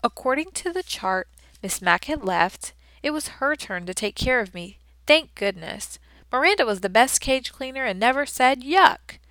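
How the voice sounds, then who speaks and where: Woman narrator for kids' audiobook, expressive and playful, crisp bright tone, dry studio sound. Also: on the high side, normal speed, no echo. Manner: expressive, playful storytelling with lively emphasis. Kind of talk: first-person children's audiobook narration, as a classroom hamster.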